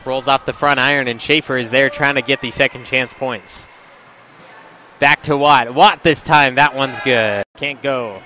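A man calling basketball play-by-play, excited on each made shot. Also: mid-range voice, a little slow, a little hiss or hum, low-quality recording. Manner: energetic, excited calls on made shots. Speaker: play-by-play commentator.

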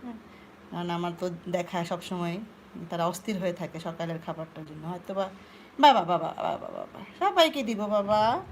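A woman, chatting to viewers in a casual live vlog at home and coaxing her cats in soft baby talk. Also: lowish voice, animated, brisk, a little hiss or hum. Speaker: vlogger talking to her cats. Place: home indoors by a sliding glass door.

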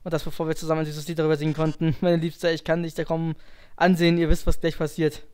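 A man's voice: a little high, monotone, fast, darkish tone, clean tone, soft background music, lightly acted. A man voicing a flamboyant male robot TV star who talks in gushing, dramatic stage lines. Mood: theatrical. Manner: theatrical, gushing stage delivery.

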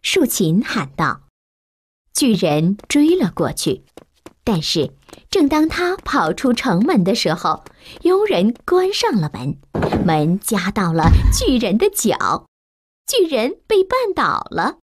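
Breathy woman telling a storybook. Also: fairly high pitch. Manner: slow, expressive, lively storytelling. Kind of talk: children's storybook narration.

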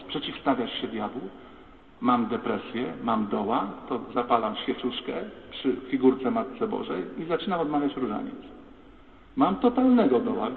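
A man, a priest, giving an animated sermon that speaks straight to his congregation. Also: a little high. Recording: far-off mic in echoey church, phone-like sound.

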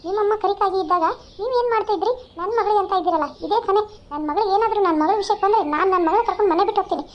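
A woman's voice: very high-pitched, rapid-fire. A woman voicing a caring village mother in a cartoon, who pleads and protests on her daughter's behalf. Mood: indignant. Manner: pleading, indignant. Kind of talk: cartoon voice acting. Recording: slightly dull lo-fi sound.

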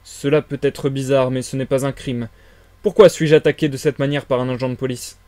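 A man's voice: medium pitch, level tone, fairly quick, lightly acted. Man doing a testy, exasperated invisible man. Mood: indignant. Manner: sharp, exasperated. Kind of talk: audiobook character reading.

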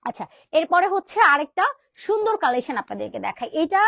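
Fast-talking Bangladeshi woman selling clothes. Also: sits high, very animated, creaky, a bit bright, dry recording. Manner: chatty, mixes in English words, calls viewers "sister". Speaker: clothing seller on a live stream. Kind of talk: live sales presentation.

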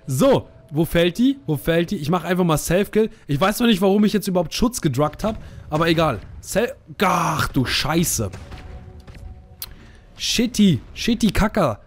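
Young male let's player, lively up-and-down delivery, slightly high voice, playful teasing banter. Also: a little slow. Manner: joking, teasing opponents, sing-song repeats. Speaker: gaming streamer. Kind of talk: casual let's play commentary.

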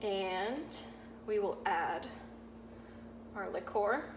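A young woman, a sous chef, explaining a cooking demonstration step by step in a relaxed way, with frequent ums. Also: medium pitch, extremely slow. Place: home-style kitchen, indoors. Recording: echoey kitchen with audible background noise.

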